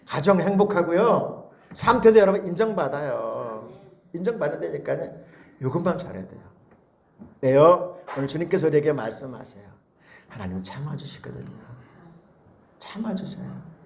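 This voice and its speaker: A man's voice: mid-range voice, a little mellow. A man preaching a Sunday sermon as pastor, coaxing the congregation with questions and repeated calls.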